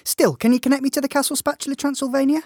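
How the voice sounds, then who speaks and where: A man's voice: extremely high pitch, flat delivery, very fast, darkish tone, no echo, clean studio sound. An actor playing a cheerfully oblivious, eager man in a comedy audio drama. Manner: cheery, naive. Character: Michael, cheerfully oblivious, eager male theatre company member.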